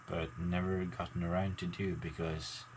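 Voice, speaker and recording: A man, a gaming video maker, talking casually to his viewers in a halting, mumbling way with many fillers and restarts. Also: low-pitched, flat delivery, background noise. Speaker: gaming YouTuber. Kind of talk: casual talk to camera.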